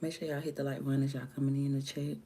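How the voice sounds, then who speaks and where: On a morning livestream from home, a woman who's also a music artist rambles casually in a voice deepened by having just woken up. She talks very fast in a level tone, sliding between quiet murmurs and bursts of energy, with slight background noise.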